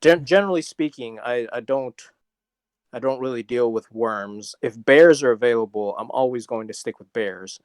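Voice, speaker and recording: A man co-hosts a casual podcast chat, delivering long, rambling explanations in a dry, deadpan way. His pitch is ordinary and middle. The sound is close and dry, with no room echo. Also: moderate pace, clean tone. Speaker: podcast co-host.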